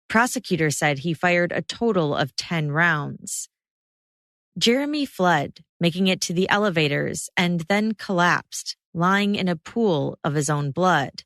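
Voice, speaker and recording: Female podcast host, low voice, measured narration, dry close recording. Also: no echo. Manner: measured, steady recap. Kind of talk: scripted true-crime narration.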